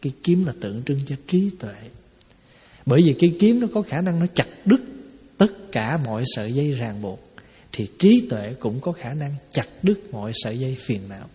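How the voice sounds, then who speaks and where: A man's voice: mid-range voice, sing-song, moderate pace, dark tone. A man, a Buddhist monk giving a folksy dharma talk to a hall, explaining with rhetorical questions. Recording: echoey hall, dull lo-fi sound.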